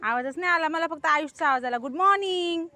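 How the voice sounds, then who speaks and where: A woman's voice: high voice, fast talker, pushed and bright. A woman teacher coaxing young pupils with patient questions in a school classroom.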